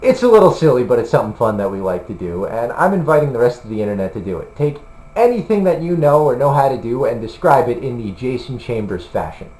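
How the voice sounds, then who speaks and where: A man's voice: medium pitch, sing-song, fast, darkish tone. A man video blogging for a combat sports site, talking casually to the camera in a rambling, hesitant way with lots of fillers. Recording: roomy room with faint hum.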